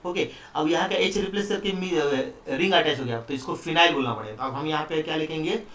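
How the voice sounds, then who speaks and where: A man's voice: a little high, brisk, a bit bright. Man teaching chemistry in an echoey room. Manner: explains step by step, often asks the students questions. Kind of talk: online chemistry lesson. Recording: echoey room, mic at a distance.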